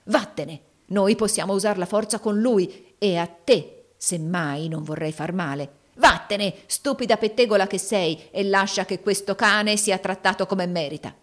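A woman's voice: fairly low pitch, a little slow, hardly any pauses, a little mellow. A woman voicing a hard, scheming older moneylender who speaks with cold contempt. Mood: furious.

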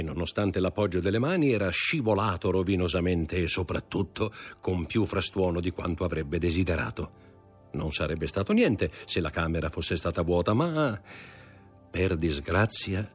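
A man reading a classic novel aloud as an audiobook narrator, with lively, expressive delivery. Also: slightly rough. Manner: lively, expressive reading that raises pitch for quoted speech.

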